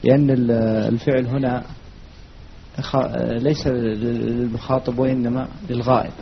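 A man's voice: medium pitch, flat delivery, normal speed, vocal fry. A man at a lesson tentatively arguing a grammar point with the teacher, with many fillers. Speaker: student raising an objection. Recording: lo-fi recording with faint background noise.

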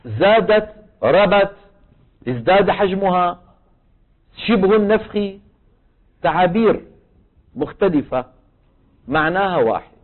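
A man with a Levantine Arabic accent teaches tajweed, explaining patiently and asking the class questions that he answers himself. His voice sits a little high for a man. The recording is thin and narrow, as if heard over a phone. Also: expressive, measured pace, pauses often. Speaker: Quran recitation teacher. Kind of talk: tajweed lesson.

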